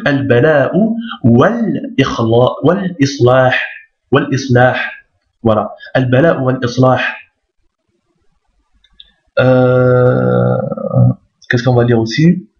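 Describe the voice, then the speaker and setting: A man's voice: medium pitch, steady tone, unhurried, gravelly, pauses often. A man teaching a recorded lesson in a patient, repetitive way, often checking that his listeners follow. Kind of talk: recorded Arabic alphabet lesson. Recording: roomy, dull lo-fi sound.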